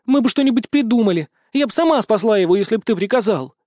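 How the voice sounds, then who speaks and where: Man voicing a scolding cat goddess, high-pitched. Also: animated, fast, darkish tone, no room sound, studio quality. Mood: indignant. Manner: scolding, indignant, fretful. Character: irritable young female cat goddess spirit. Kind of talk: audiobook character reading.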